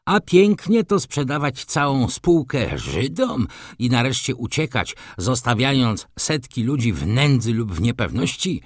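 A man's voice: mid-range voice, big pitch swings, measured pace, few pauses, no room sound, clean studio sound. A man voicing an indignant, gossiping middle-aged councillor in an audiobook, ranting with scandalized outrage.

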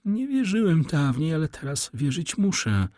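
A man's voice: on the high side, sing-song, moderate pace, a little mellow, no echo, clean studio sound, voice pushed up. A man voicing a solemn, pompous aging Italian major posing as a father, in an audiobook reading. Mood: solemn, sly. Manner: solemn, declaiming.

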